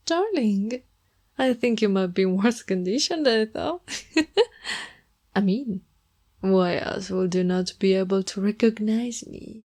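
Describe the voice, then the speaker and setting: Playing an obsessive goth girlfriend for ASMR, this Italian woman sounds coaxing and possessive, cooing softly with sweet menace and dipping into whispers often. Her voice sits a little high.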